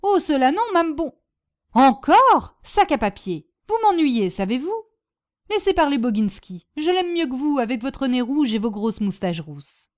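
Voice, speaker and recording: A woman voicing an excitable, bossy older landlady who scolds loudly and theatrically. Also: high voice, measured pace, pitched above the performer's own voice. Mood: scolding.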